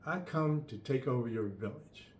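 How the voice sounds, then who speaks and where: A cocky warlord in full armor, brisk and demanding, as a man tells it in a story. His challenges rise above the teller's usual pitch and ring in a roomy, echoing space. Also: animated, darkish tone, slight background noise, close to an everyday voice.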